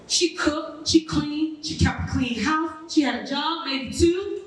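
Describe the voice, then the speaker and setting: A woman's voice: high voice, slow, slight background noise. A woman in her thirties doing a brash, profane stand-up set, teasing the audience. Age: 30s. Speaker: stand-up comedian. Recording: echoey room, mic far off.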